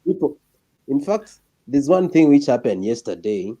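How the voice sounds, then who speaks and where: Mellow Kenyan man in casual chat. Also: medium pitch, very animated, normal speed, rough recording. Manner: mixes Swahili and English.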